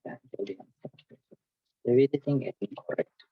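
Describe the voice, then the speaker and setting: A man's voice: medium pitch, moderate pace, husky, dry recording, narrow, tinny audio. Patient man teaching English. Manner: patient, explains step by step with many fillers. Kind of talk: one-on-one online English lesson.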